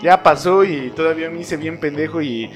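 A man's voice: a little high, fairly quick. A young man with a Mexican accent telling school stories in slangy casual chat, acting out the quotes. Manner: slangy storytelling with voiced quotes. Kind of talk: casual chat among friends. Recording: music playing behind.

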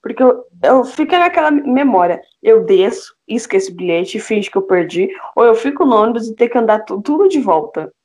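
A woman's voice: fairly high pitch, a little fast, few pauses. A teenage girl co-hosting a podcast, telling stories in casual chat and mimicking the people in them. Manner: expressive storyteller, mimics voices. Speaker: podcast co-host.

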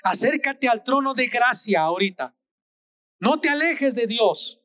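A man preaching with an earnest, exhorting delivery and a high voice. He takes his time, repeating phrases for weight. The sound is dry and close. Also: expressive, measured pace, sharp tone, dry recording. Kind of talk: sermon.

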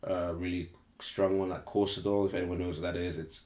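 A man's voice: low-pitched, little pitch movement, brisk, a little mellow, echoey room. A young man, chatting casually as a podcast co-host, rambling and correcting himself, laughing easily. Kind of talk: casual chat.

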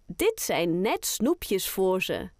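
Woman doing a sweet sing-song granny, storybook voice, slow, dry recording. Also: mid-range voice, big pitch swings, a little mellow, dry recording. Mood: fond. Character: warm, playful grandmother who loves singing. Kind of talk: children's audiobook character voice.

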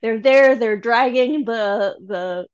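A woman chatting casually about a film, expressive and often laughing. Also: fairly high pitch, slow, clean tone, lo-fi sound. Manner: expressive, laughs often, playful quoted voices.

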